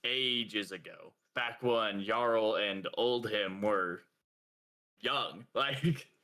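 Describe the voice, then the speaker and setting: A young man with a bright, forceful voice co-hosts a casual podcast. He rambles along, padding his talk with fillers and breaking into laughter now and then. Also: lowish voice, extremely slow. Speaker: podcast co-host. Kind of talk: casual chat.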